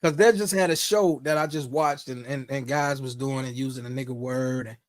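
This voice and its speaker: A man's voice: mid-range voice, steady tone, a little fast, no room sound, clean studio sound. A man from Ohio in casual conversation, laid-back, swearing freely and trailing off into asides. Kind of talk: casual chat.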